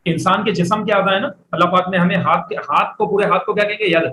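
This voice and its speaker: A man with a high, bright voice teaches vocabulary to a class and has the students repeat each word after him. The room is echoey and carries a faint background hum. He talks like a teacher standing at a board. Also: fairly even intonation, fast talker. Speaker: Arabic teacher. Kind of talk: classroom lecture.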